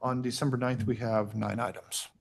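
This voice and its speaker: A man's voice: medium pitch, level tone, moderate pace, vocal fry. A man on city staff reporting agenda counts and deadlines in a factual way, correcting himself as needed. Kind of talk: public meeting remarks.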